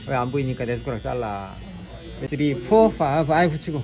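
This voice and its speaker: A man's voice: mid-range voice, expressive, brisk, crowd noise. A man teaching barbering hands-on in a classroom, giving repetitive, direct instructions and sharply correcting students. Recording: noisy room recording.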